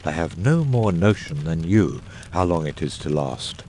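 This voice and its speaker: Voicing a masterful detective for an audiobook drama, a man with a very deep, dark voice sounds testy yet grave and theatrical. His measured, eloquent, commanding phrases carry lively intonation, with faint noise behind him.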